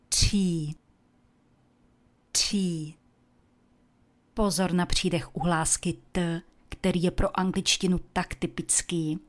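A woman giving a scripted English lesson to Czech speakers, slowly and carefully demonstrating the pronunciation of each word. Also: fairly low pitch. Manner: Czech-speaking teacher pronouncing English words. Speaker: English teacher.

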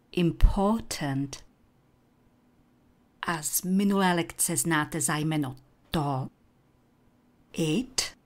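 Low-voiced woman teaching English slowly. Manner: slow, deliberate enunciation of words to repeat. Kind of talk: language lesson with repetition drills.

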